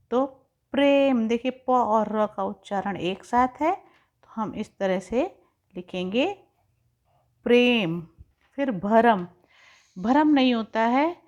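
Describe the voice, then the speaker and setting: A woman teacher giving a recorded lesson to young pupils, slowly spelling out and stretching sounds to show how words are said. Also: medium pitch, a little mellow. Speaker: primary school teacher. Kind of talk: slow, carefully articulated recorded lesson. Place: home, recording an online class. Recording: dull lo-fi recording.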